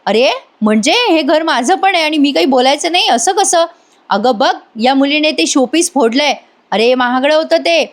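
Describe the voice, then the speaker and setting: A harsh older aunt rebukes and mocks everyone in her way, voiced by a woman reading a serial review. Her voice is shrill, scornful and berating, and sits high in pitch. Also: lively intonation, normal speed. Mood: mocking.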